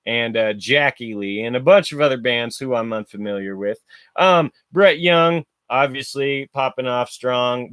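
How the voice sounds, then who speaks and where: A man's voice: medium pitch, a bit bright, no room sound. Rambling man hosting a podcast, dry sound. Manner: rambling, filler-heavy, self-correcting. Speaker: podcast host. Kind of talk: casual solo podcast monologue.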